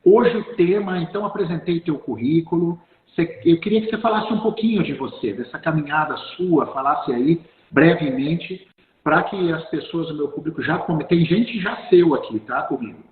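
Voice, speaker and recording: A man hosting a live interview, talking warmly and effusively with lots of halting restarts. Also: on the high side, narrow, tinny audio. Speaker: host. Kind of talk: live video-call interview. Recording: roomy, echoey sound.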